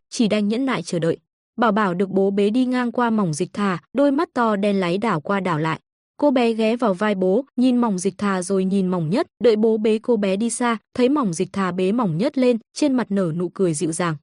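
A woman narrating a comic story in an even, steady reading. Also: mid-range voice, no room sound, clean studio sound.

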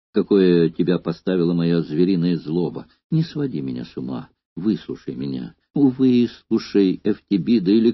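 A husky giant Germanic warrior, voiced by a male reader, speaking low and quiet as he pleads with remorse and love. He is hot-tempered at heart but gentle now, in a storybook reading. The recording is dull and lo-fi. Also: dry recording, full character voice.

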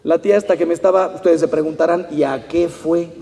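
Mexican priest with a gravelly voice in a hall. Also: male voice, a little high, a little fast, background noise. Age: 50s. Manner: storytelling, animated, mimics people in quotes. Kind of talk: conference talk with anecdotes. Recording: long hall reverb.

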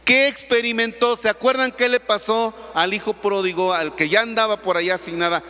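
A man, a priest giving an animated, teasing sermon in a large church. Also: high voice, normal speed, long reverb tail. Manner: animated storytelling, teasing the congregation.

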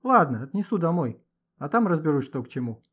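Storybook schoolboy, read by a man: offhand, grudgingly helpful, lively voice. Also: a little high, brisk, husky, highs cut off, heavily acted. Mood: pondering. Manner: offhand, sighing.

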